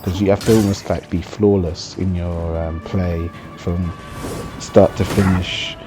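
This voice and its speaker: Low-voiced man commentating over game music. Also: little pitch movement, measured pace. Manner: explanatory and conversational, often tagging on "you know". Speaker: gaming video commentator. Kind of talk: casual gameplay commentary. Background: music under the voice.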